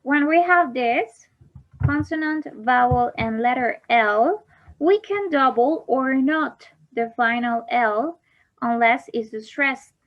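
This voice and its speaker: A woman's voice: high voice, slow. A woman teaching an online English grammar class, explaining each rule in English and then again in Spanish. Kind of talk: bilingual online grammar lesson. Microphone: online class computer mic. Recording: dull lo-fi online class audio.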